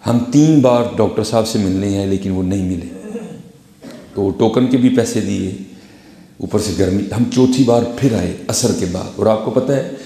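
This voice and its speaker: A man's voice: on the low side, mellow. A man preaching a sermon, telling a personal story and addressing his listeners as "Hazrat" in an anecdotal way. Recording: echoey hall reverb.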